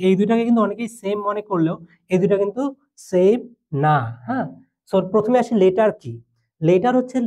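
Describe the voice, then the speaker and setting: Young male tutor from Bangladesh, higher voice, patient and explanatory, with frequent fillers. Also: warm tone. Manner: patient, explains step by step with fillers and mixed English. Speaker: English teacher. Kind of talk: classroom lesson explanation.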